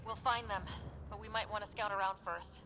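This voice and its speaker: A resolute female recon specialist in a video game , voiced by an actress. She is composed and conciliatory, with a middling pitch. Clear ambient noise runs behind her voice. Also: steady tone, brisk, natural voice. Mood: focused, steady. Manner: composed, purposeful.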